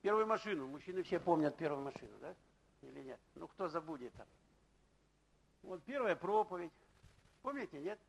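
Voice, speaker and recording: A middle-aged man, a pastor, preaching in a loose conversational way, telling personal stories and checking in with the congregation with quick questions. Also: a little high, lively intonation, creaky, slightly rough, poor audio. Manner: anecdotal, keeps asking the congregation "right?". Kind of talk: conversational sermon.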